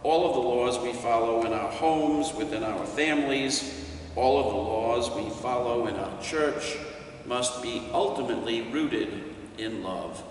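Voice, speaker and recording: An older priest reads scripture and preaches at an unhurried, deliberate pace. His mid-pitched voice rings through a church with a long reverb and is picked up from some distance away. A faint hum of room ambience sits underneath. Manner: slow, measured, deliberate reading. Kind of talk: reading scripture and preaching a homily. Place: church sanctuary in front of a stained-glass window. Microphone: distant camera mic.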